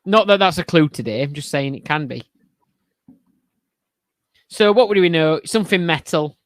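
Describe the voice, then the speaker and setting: A man's voice: fairly high pitch, expressive, normal speed, no room sound. A man hosting a casual pub quiz on a podcast, giving rambling, hedging clues and laughing often.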